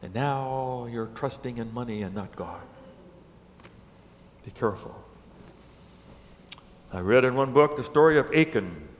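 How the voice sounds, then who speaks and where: A middle-aged man preaching a sermon in a church, swinging between loud emphatic peaks and hushed low lines. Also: expressive, unhurried, pauses often, big-room sound, slight background noise. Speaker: pastor. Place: church sanctuary.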